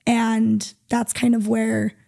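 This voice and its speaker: A woman's voice: a little high, completely flat delivery, takes it slowly, creaky, warm tone. A woman in her twenties, a podcast guest, chatting easily and casually. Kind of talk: casual chat.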